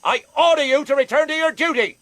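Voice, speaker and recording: An actor playing a stern, dry-witted British ship's captain in a radio drama, speaking in a clipped, imperious way. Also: male voice, extremely high pitch, quick pace, fairly bright tone. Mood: stern command.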